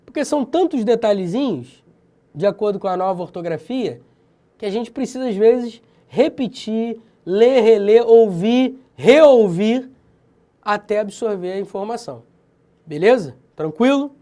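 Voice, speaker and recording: A man with a Brazilian accent teaching grammar in a video lesson, lively and slangy, drilling example words with emphasis. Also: sits high, a little slow. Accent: Brazilian Portuguese.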